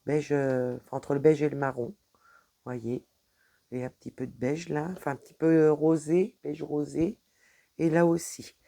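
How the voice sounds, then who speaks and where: A woman's voice: low voice, little pitch movement, normal speed, gravelly, dark tone. A woman with a French accent chatting casually at her home desk, rambling and stumbling over her words as she shows her cross-stitch progress. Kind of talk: casual show-and-tell vlog.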